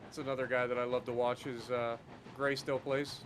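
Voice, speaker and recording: A man's voice: medium pitch, level tone, moderate pace, slight background noise. A man streaming a train game, chatting casually and swearing now and then. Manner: laid-back, swears casually. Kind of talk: casual gameplay chat.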